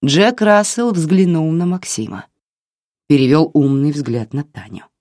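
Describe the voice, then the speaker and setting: A narrator reading a novel in an expressive, dramatic way. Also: medium pitch, a little slow, no room sound, clean studio sound. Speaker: audiobook narrator.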